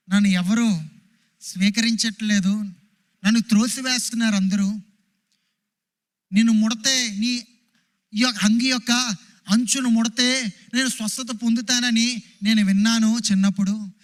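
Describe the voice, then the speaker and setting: A woman's voice: fairly high pitch, steady tone, moderate pace, long pauses, pitched above the performer's own voice, lightly acted. A male preacher voicing a desperate sick woman who pleads for healing in a sermon retelling. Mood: pleading. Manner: pleading, breaking lament. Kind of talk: sermon storytelling.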